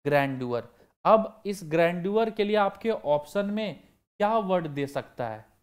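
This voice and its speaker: A man's voice: high voice, animated, unhurried. A man teaching vocabulary for exam prep, asking the class questions and answering them himself while repeating the key words. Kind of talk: online vocabulary lesson.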